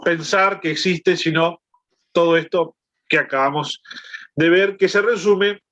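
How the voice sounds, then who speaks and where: A man's voice: fairly high pitch, fairly even intonation, unhurried, fairly bright tone, dull audio. A man leading a Bible lesson over a video call, explaining and often checking in with his listeners. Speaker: Bible study teacher.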